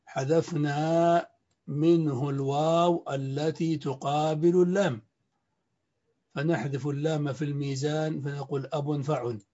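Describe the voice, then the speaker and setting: Man lecturing slowly, dull lo-fi sound. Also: fairly high pitch, darkish tone. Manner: measured, repeats key points, clears throat. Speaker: sheikh teaching Arabic morphology. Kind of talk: classroom lecture. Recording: dull lo-fi recording.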